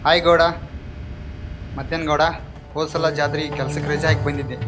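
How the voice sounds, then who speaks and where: A man's voice: fairly high pitch, fairly even intonation, brisk, over music, natural voice. A young man with a North Karnataka Kannada accent, playing a friendly fellow heading to a village fair, in casual banter. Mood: relaxed. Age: young adult. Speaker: lead character in an amateur short film. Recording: loud film score under the dialogue.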